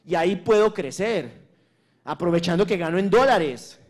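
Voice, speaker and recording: A man's voice: sits high, animated, moderate pace. A Colombian man giving a motivational conference talk from a stage, emphatic and repetitive, with crude slang. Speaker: conference speaker. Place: stage at a launch event.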